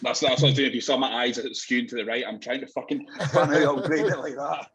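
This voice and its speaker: A man's voice: mid-range voice, fairly even intonation, quick pace, crowd noise, low-quality recording. A man with a Scottish accent hosting a podcast, talking casually with lots of "like" and the odd swear word. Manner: casual, swears, says "like" a lot. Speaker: podcast host. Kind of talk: casual chat.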